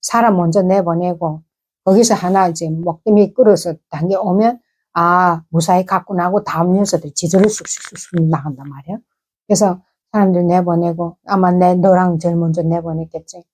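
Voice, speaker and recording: A woman with a North Korean accent recounts her own past in relaxed, conversational storytelling. She paints scenes with lots of sound words and quick imitations. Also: fairly low pitch. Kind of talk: casual personal storytelling.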